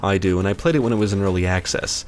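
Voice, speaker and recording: A man with a fairly low voice reads a scripted game review at a quick clip. It is a voice-over, with faint noise behind him.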